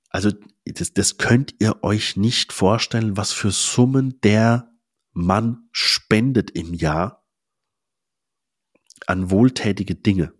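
Young male podcast host, husky and dry, pushes points emphatically like a coach. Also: on the low side, no room sound. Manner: energetic, emphatic coaching talk with colloquial English fillers. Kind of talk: motivational solo podcast monologue.

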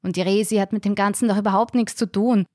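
A woman's voice: medium pitch, steady tone, fast, darkish tone, no echo, studio quality, close to an everyday voice. A woman voicing an earnest, heartbroken young rural man. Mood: pleading. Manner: earnest, pleading.

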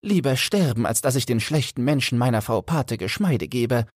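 A man's voice: medium pitch, animated, moderate pace, dry recording, clean studio sound, voice pushed up, natural voice. A man voicing Felix, a young goldsmith apprentice, fearful and pleading in a fairy-tale audiobook. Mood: anxious, pleading.

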